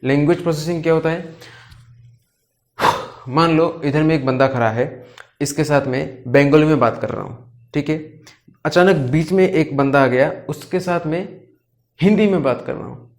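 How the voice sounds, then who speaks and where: A man with a slightly higher-than-usual voice talks through an anatomy lesson in a loose, conversational way. He keeps asking the listener if they're following along and slips into short acted-out examples. It sounds like he's recording at home. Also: moderate pace, pauses often. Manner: conversational, checks in often with rhetorical "okay?"; acts out short example lines to illustrate. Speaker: medical educator. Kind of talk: casual explanatory lecture. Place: home, rain and a barking dog audible outside.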